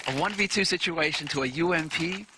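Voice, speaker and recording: A man commentating on a competitive shooter match as an esports caster, conversational but excitable on big plays. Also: a little high, fairly quick, noisy background. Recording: clear game gunfire and clicks behind voice. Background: video game gunshots and clicks.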